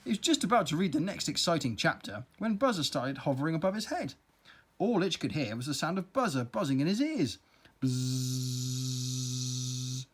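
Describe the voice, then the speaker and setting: Brief: children's story narrator, playful, very lively pitch, slightly husky. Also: a little fast. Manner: playful, expressive read-aloud.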